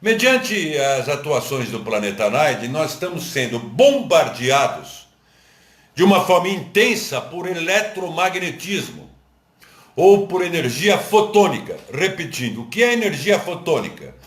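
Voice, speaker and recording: An esoteric lecturer with a Brazilian Portuguese accent gives a live talk, teaching step by step in a didactic way, repeating points and asking the audience whether they understood. His voice is fairly high with big pitch swings, his pace is measured, and the sound is reverberant.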